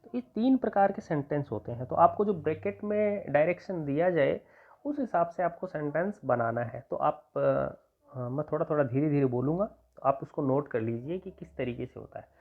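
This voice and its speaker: Patient male tutor from Rajasthan, repeats everything, dictates slowly, phone-quality sound. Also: fairly high pitch, lively intonation. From Rajasthan, India. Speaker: teacher. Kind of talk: exam-prep grammar lesson.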